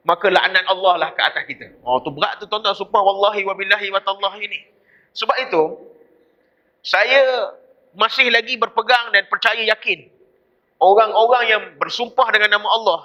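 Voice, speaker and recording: A man with a Malaysian Malay accent giving a dawn mosque lecture as a religious teacher, telling stories with quoted voices. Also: extremely high pitch. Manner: lively storytelling with quoted voices. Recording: dull lo-fi recording.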